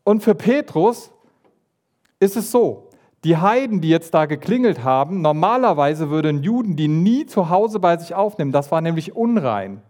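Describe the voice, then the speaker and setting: A man giving a lively sermon, retelling a Bible story and acting out the figures with sudden asides. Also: normal speed. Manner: animated, acts out voices of the story with pitch jumps and asides. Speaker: preacher.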